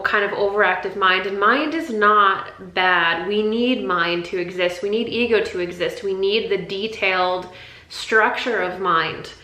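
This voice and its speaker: A woman's voice: mid-range voice, bright, forceful tone, echoey room, poor audio. A woman giving a casual, rambling spiritual teaching talk, speaking conversationally, with frequent repeats and restarts. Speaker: intuition teacher.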